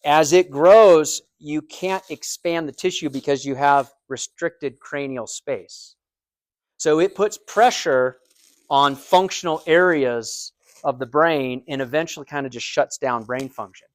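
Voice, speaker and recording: A man's voice: mid-range voice, dry recording. A man with an American accent teaching anatomy and physiology in a conversational lecture, explaining with everyday comparisons and checking in with his students. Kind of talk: recorded lecture.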